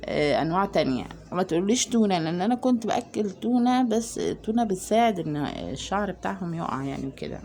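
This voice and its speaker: A woman's voice: fairly low pitch, a little mellow. A woman with an Egyptian accent chatting casually to her viewers at home about her cats, rambling with lots of fillers. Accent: Egyptian Arabic. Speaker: cat vlogger.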